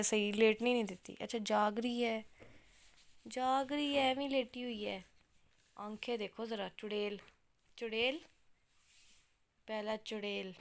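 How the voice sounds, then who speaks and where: Brief chatty mom vlogger, gravelly. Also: female voice, on the high side. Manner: chatty, addresses viewers directly, laughs while talking. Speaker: family vlogger and mother. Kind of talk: casual family vlog chat to viewers. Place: at home, indoors.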